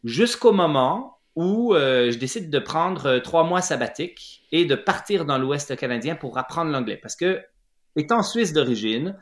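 A man's voice: on the high side, animated, unhurried. A middle-aged man with a Quebec French accent, telling his story as an interview guest, hesitant with many fillers and restarts. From Quebec, Lac-Saint-Jean. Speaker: guest, running clinic founder. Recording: roomy echoey room.

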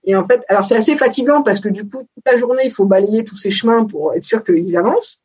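Forties female founder, husky, thoughtful and halting, interview guest on a dull lo-fi recording. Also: medium pitch, darkish tone. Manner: thoughtful, hesitant with many fillers. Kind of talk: casual interview conversation. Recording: dull lo-fi sound.

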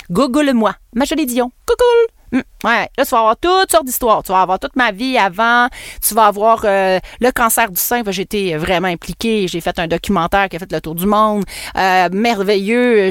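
An animated woman with a Québécois accent talks straight into the mic in a casual solo podcast. Her pitch leaps high and drops low as she teases her listener and laughs at herself. The sound is close and dead dry, with no room around her, and her voice sits at an ordinary middle pitch. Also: no room sound. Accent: Québécois French. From Quebec. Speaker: podcast host and NLP coach.

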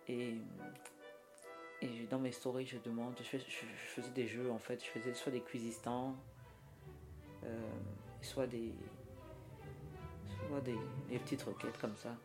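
A woman from France hosting a solo podcast, talking to herself at home at night in a chatty, self-mocking ramble full of restarts and fillers, recorded on a portable recorder. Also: extremely low pitch. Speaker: podcast host. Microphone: portable audio recorder. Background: faint classical music.

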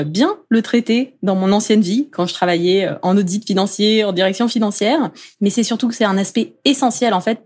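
A woman's voice: medium pitch, a little mellow. Upbeat chatty woman podcast host. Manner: chatty, upbeat, addresses listener informally. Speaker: productivity coach and podcast host. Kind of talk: solo podcast talk.

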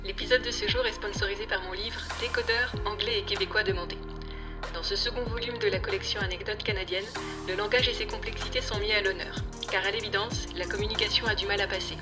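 A woman podcast host reads a sponsor spot with smooth, even delivery. Loud background music plays under her voice throughout. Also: medium pitch, fast. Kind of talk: promotional read.

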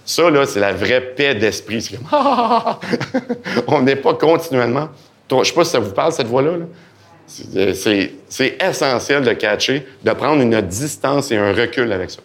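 A man with a Québécois French accent speaking as a guest on a live podcast in front of an audience, animated and joking, acting out the voices in his head. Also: mid-range voice, normal speed. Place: event hall with live audience.

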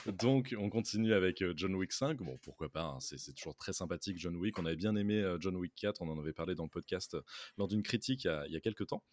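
A man co-hosting a pop-culture podcast, chatting in a relaxed way with fillers. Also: deep voice, quick pace. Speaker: podcast co-host. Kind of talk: casual pop-culture news chat.

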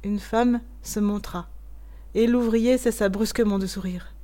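Woman reading a classic tale. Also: medium pitch. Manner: measured, expressive storytelling. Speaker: narrator.

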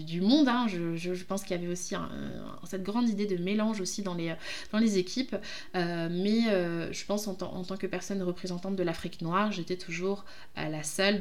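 Reflective lower-voiced French woman podcaster. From France. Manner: reflective, hesitant, many pauses. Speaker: podcast host, jurist. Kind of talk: casual podcast monologue.

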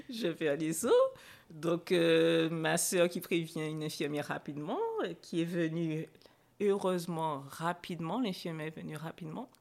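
A woman's voice: deep voice, moderate pace, vocal fry, darkish tone. A young adult woman, a podcast guest, recounting a personal experience with hesitations, fillers and emotion. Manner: hesitant, frequent fillers and restarts. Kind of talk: personal storytelling in a podcast interview.

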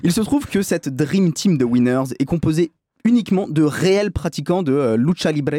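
A man's voice: a little high, animated, moderate pace, mellow, dry recording, studio quality. A man delivering a film review column in a hammy, mock-dramatic comic style.

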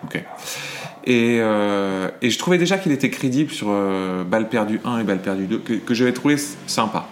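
Middle-aged male film reviewer, fairly low pitch, measured and explanatory, many restarts. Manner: hesitant, thinking aloud with many restarts. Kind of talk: casual chat.

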